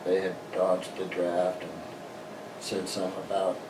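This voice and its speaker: An older American man, a veteran, remembering his past in an interview in a halting, plain-spoken way. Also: low-pitched, monotone. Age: older, 60s or above. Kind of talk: personal reminiscence in an interview. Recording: roomy, distant mic, noisy background.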